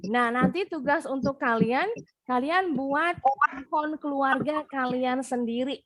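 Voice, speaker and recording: A woman's voice: sits high, measured pace, a bit bright, no echo, clean studio sound. A young woman with an Indonesian accent teaching an English class over a video call, patiently explaining and repeating words for pronunciation.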